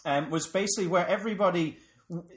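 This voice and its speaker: An Irish man co-hosting a comedy podcast, teasing and joking in casual chat. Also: high-pitched. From Republic of Ireland. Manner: teasing, bantering, quick to joke. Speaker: podcast co-host.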